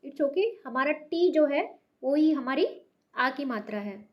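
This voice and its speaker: A woman's voice: high-pitched, lively intonation, slow pace, highs cut off. A woman from North India teaching Hindi to beginners, patiently repeating words with stress. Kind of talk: slow beginner language lesson.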